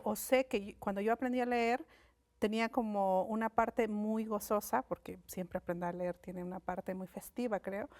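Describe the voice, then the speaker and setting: On a studio set, a woman guest, a linguist and writer from Mexico who grew up speaking Mixe (Ayuujk), takes part in a reflective, leisurely interview. Her voice is medium in pitch, and she often pauses on fillers and begins sentences again.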